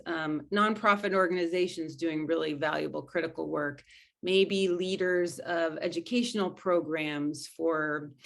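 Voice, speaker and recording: A woman guest in an interview, speaking earnestly and thoughtfully as a spiritual coach, often restarting her sentences. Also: sits low. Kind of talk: conversational interview answers.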